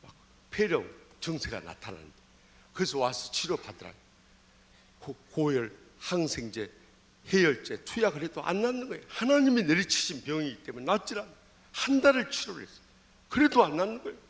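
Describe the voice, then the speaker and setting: Lively older pastor with Jeolla accent. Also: male voice, fairly quick. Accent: Jeolla Korean. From Jeolla, Korea. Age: 60s. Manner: storytelling with dramatic swings in pitch and loudness. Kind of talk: sermon. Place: church sanctuary.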